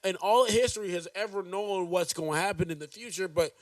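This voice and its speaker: A young man from Jamaica rambling through casual podcast chat, thinking out loud and piling up fillers. His voice sits a little high. He is set back from the mic in a dry, dead-sounding room. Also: steady tone, fairly quick, dry recording, recorded from a distance. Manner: rambling, filler-heavy musing. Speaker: podcast co-host.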